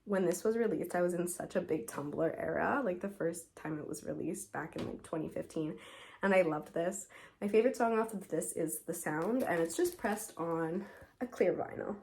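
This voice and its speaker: A woman's voice: mid-range voice, darkish tone. A young woman with a congested, stuffy voice and a sore throat, chatting eagerly at home as a YouTuber, gushing and saying "like" a lot. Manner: gushing, enthusiastic, says "like" often. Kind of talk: casual vlog chat.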